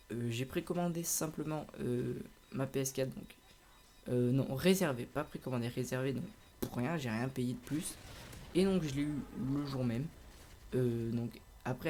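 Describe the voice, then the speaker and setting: A man's voice: medium pitch, dark tone, a little hiss or hum. A young man chatting casually over his gameplay, rambling with lots of hesitations and restarts. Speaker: gaming channel host.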